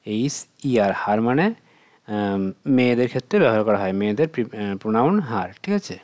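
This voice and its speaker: A man with a Bengali accent explaining exam questions to children, asking questions and then answering them himself in a patient, steady way. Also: fairly low pitch, moderate pace. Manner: patient, asks and answers his own questions. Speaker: teacher.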